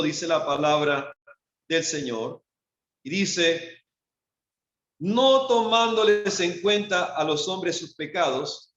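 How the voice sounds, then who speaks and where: A male pastor with a Panamanian accent preaching a sermon, asking rhetorical questions and dropping soft and low for the quoted lines. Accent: Panamanian Spanish. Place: church hall. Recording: echoey church, dull lo-fi sound.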